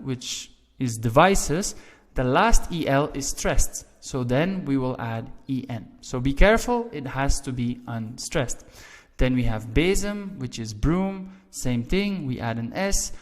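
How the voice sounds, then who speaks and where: A man's voice: mid-range voice, long reverb tail. A man teaching a language lesson, explaining grammar rules patiently, repeating each example and checking in with "right?".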